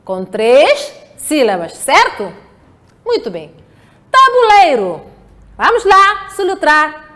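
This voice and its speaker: A woman teacher with a European Portuguese accent, giving a slow, patient lesson to children and often checking that they follow. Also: high-pitched, huge pitch swings, a bit bright. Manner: slow, patient, checks understanding with rhetorical questions. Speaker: primary school teacher. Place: home.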